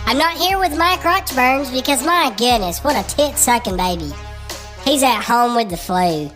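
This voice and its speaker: Over music, a woman hosts a casual sports podcast, her high, animated voice congested and stuffed-up from a cold. She talks at a moderate pace, crude and rambling, with plenty of ums.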